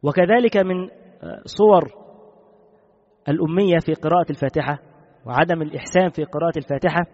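A man teaching a classical religious law text, in a measured way that repeats key rulings. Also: a little high. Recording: dull recording with long reverb.

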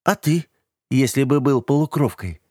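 A man voicing a curious, stubborn young girl in an audiobook, with a high piping voice and an earnest, easily indignant manner. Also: animated, normal speed, breathy edge, no room sound, studio quality. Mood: childish, earnest. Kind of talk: audiobook character voice.

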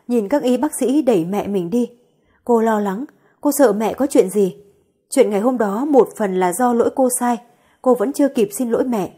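Husky woman narrating a melodrama. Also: fairly high pitch, warm tone. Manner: emotive, dramatic. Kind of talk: dramatic story narration.

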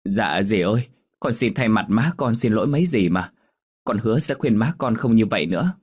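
Guy playing a gentle young daughter begging nicely. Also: lowish voice, animated, moderate pace, slightly rough, voice pushed up. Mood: pleading. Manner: pleading, soft-spoken. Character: gentle dutiful young woman, pleading.

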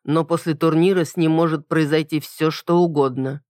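A woman voicing a calm, respectful young male cat-dragon servant in an audiobook, speaking quietly and patiently. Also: sits low, normal speed, no echo, clean studio sound, natural voice. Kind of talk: audiobook character voice.

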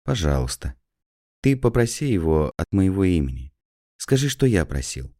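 Gentle middle-aged doctor, male, soft and apologetic, warm dark tone, read by a man. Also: low-pitched, very animated, normal speed, no echo, clean studio sound, pitched above the performer's own voice.

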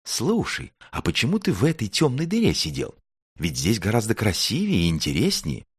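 A man's voice: lowish voice, huge pitch swings, normal speed, slightly rough, no room sound, clean studio sound, pitched above the performer's own voice, full character voice. A man voicing a curious, brave little girl star in a storybook, eager and chirpy. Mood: excited. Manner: eager, chirpy, sometimes shouting. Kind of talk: storybook reading.

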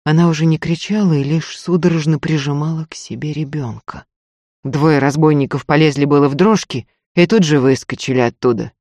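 An audiobook reader narrating a story in a steady, even manner. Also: medium pitch, brisk, no echo. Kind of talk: scripted narration.

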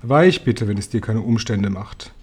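Man doing a quiet polite little boy, hesitant, soft storybook voice. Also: fairly low pitch, normal speed, slightly rough. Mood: gentle, timid. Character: shy polite young boy. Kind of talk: storybook reading.

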